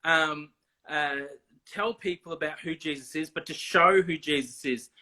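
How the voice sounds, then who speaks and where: A man talking as a guest in a casual video chat, explaining deliberately with many ums and restarts. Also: on the high side, bright, forceful tone. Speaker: missions guest.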